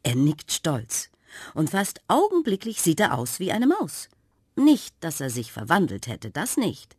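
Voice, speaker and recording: A woman narrating a children's radio story, with a gentle, expressive way of telling it. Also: low-pitched, measured pace, breathy edge, no echo, clean studio sound.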